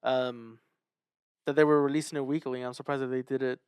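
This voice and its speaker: A man co-hosting a podcast in casual chat, laid-back and low-key, often speaking quietly. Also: flat delivery, a little fast, clear, resonant tone, no room sound, studio quality. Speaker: podcast co-host.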